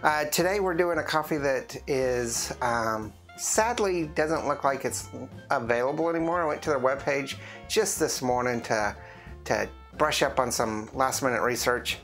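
A man chatting through a relaxed coffee review in a mid-pitched voice that is still rough from the morning. He rambles along, full of ums and uhs, and often restarts his sentences. Faint music plays softly under his voice. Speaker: host of a drinks review channel. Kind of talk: casual coffee review vlog.

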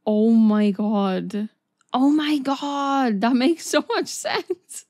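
A woman's voice: on the high side, very slow, a little mellow, no echo, studio quality. A woman hosting an anime reaction video, gushing, exclaiming and swearing casually as she watches.

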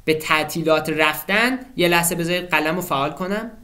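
A man in his twenties tutoring for an English exam in an animated way. He often checks in with students and slows down to spell out English phrases. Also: on the high side. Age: 20s. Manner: animated, keeps checking in with "okay?" and addresses students as kids. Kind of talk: exam-prep lesson walkthrough.

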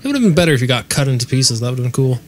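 A man's voice: medium pitch, sing-song, very fast, slight background noise. A man chatting crudely and jokingly while co-hosting a let's play of a video game. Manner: crude, joking, sings snatches of songs. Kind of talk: casual gaming chat.

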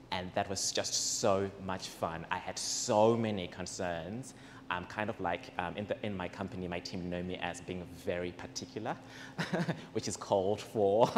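In a big, echoey indoor space with faint noise behind him, a young man from Zimbabwe hosts a community gathering. Holding a mic, he talks to the seated audience about gratitude in a low, earnest, warm and personal voice.

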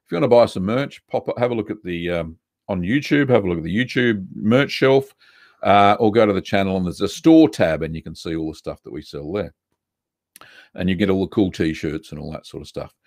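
This older Australian-accented livestream host from South Australia talks in a low, fairly quick voice while answering viewer questions. Sitting in his home studio room with bookshelves, he stays relaxed and chatty, reading chat aloud with plenty of ums and uhs.

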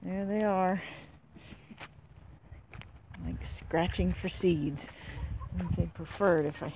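A woman's voice: lowish voice, slow pace. A woman keeping backyard chickens, chatting casually and unhurriedly as she walks the yard and talks to her hens. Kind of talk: casual walk-along narration. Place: outdoor yard and chicken pens. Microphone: handheld camera. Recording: noisy outdoor camera audio.

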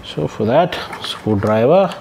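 A young man's mid-range, creaky voice guides viewers through a casual how-to vlog as he sits on the floor indoors at home. He explains haltingly, frequently pausing mid-sentence while he works, over a steady room ambience.

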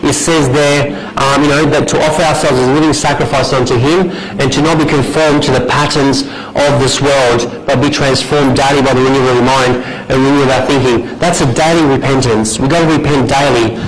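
A middle-aged man from Romania, earnestly teaching a discipleship class and often restarting his sentences. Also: medium pitch. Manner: earnest, restarts a lot, gestures while standing. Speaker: discipleship trainer. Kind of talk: teaching talk with stories. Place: small indoor meeting room. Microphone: far camera. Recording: echoey room with background noise.

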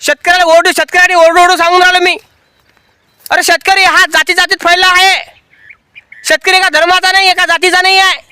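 A man's voice: extremely high pitch, little pitch movement, a little fast, bright, forceful tone, dry recording. A man, a farmer, making an impassioned protest speech to camera outdoors in a cotton field. He sounds angry and rhetorical and keeps repeating his points.

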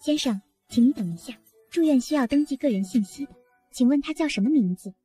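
Girl voicing a polite doctor in a storybook, mellow tone, soft music behind. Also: high voice, lively intonation, a little fast, slightly rough, exaggerated voice.

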